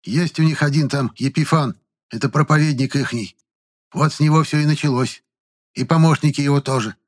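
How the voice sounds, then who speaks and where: A man's voice: a little high, fairly quick, voice pushed up, natural voice. A man voicing a shrewd old village fortune-teller woman who probes, commands and grieves in turn. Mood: bitter, pleading. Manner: sharp, probing, commanding, then grieving.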